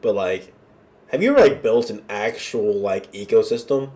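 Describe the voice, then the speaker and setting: A man under the weather with a cold, wearing a nose strip, hosts a reaction video in a congested, nasal voice. His pitch sits on the low side and sounds a little mellow, with a moderate pace and lively inflection as he casually addresses viewers as "y'all."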